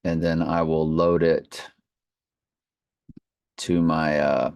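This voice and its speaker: Deep, slow man, mouth numb from the dentist. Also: level tone, creaky, a little mellow, smooth, no echo, dull audio. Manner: slightly slurred speech. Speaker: online Bible study host. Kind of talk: informal Bible study, reading verses and commenting off the cuff.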